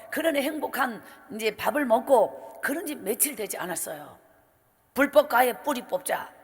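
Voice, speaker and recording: A middle-aged woman evangelist with a Gyeongsang accent gives a revival sermon testimony, telling her story in a lively, animated way and acting out the dialogue. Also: on the high side. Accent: Gyeongsang Korean. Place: church sanctuary. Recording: church hall with long reverb.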